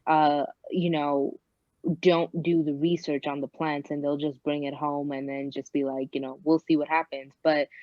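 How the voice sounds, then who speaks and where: A young woman with a low voice speaks reflectively as a podcast guest, pausing often with soft fillers. Her audio is dry and a little muffled, as if from a home call. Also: flat delivery, dry recording. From Bangladesh, raised in New York City. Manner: reflective, hesitant with many fillers. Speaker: guest, actress. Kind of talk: podcast interview.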